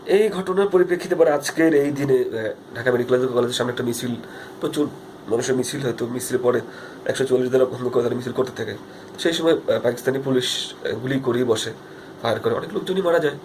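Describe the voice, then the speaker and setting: A man's voice: medium pitch, quick pace, darkish tone, a little hiss or hum. A young Bangladeshi man speaking Bengali with a Bangladeshi accent, talking earnestly into his phone's front camera in a casual video diary, with many fillers and restarts. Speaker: vlogger.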